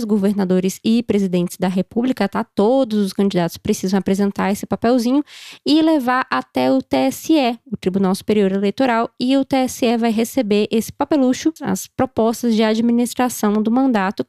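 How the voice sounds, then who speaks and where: A Brazilian woman explains things casually on a podcast in a dark, mellow voice with a choked, duck-like sound. She is chatty and playful, often posing questions and answering them herself. The recording is very dry and close. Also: a little high, dry recording. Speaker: podcast host.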